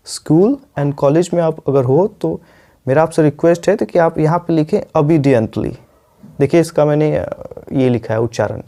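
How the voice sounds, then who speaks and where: A man teaching English in a patient video lesson, often pausing to check with the viewer. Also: a little high, mellow, a little hiss or hum. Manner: patient, repeats words, frequent "ठीक है" checks.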